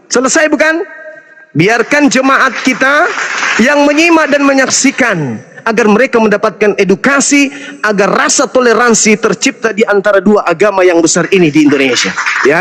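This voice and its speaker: A man's voice: very high-pitched, a bit bright, long reverb tail, a little hiss or hum. A man, an Islamic apologist, lecturing and taunting his opponents in a combative interfaith debate.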